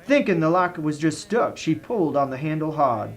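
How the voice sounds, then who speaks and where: A man's voice: a little high, lively intonation, normal speed. A man with a Southern US accent reads a comic written review as a dramatic story, in a theatrical, genteel manner.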